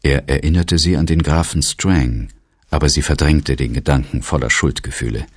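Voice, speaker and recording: Very deep, husky male narrator. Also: fairly even intonation, moderate pace, dry recording, studio quality. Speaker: audiobook narrator. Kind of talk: scripted narration.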